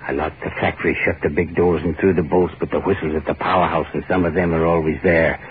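An actor playing a hateful old island servant in a vintage radio drama, with a grim, taunting manner. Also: male voice, sits low, fairly even intonation, quick pace, close to an everyday voice. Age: older. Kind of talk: 1940s radio acting. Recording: scratchy old radio broadcast, tinny.

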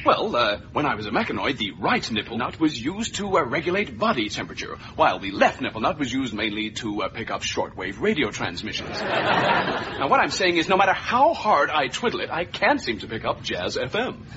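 A man's voice: mid-range voice, sing-song, fairly quick, natural voice. An actor playing a prim android man newly turned human, talking in a fussy, formal way as a robot faking human ways. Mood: puzzled. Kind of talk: sitcom acting. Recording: dull TV sound with audience laughter and noise.

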